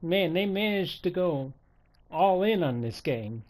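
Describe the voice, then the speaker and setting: A man's voice: high-pitched, animated, unhurried, darkish tone, faint music behind. Chatty man narrating a game menu. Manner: chatty, reads menus and counts items aloud. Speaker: let's play host. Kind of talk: casual gameplay commentary.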